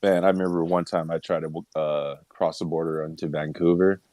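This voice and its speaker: A man with a very low voice telling a story in plain, matter-of-fact words. The sound is dry and close. He keeps the tone casual. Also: flat delivery, fairly quick, dark tone, dry recording.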